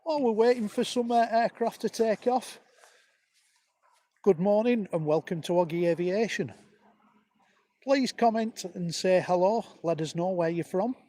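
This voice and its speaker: High-pitched man with an East Lancashire accent. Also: measured pace, pauses often, warm tone. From East Lancashire, England. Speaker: livestream host. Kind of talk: casual live planespotting commentary.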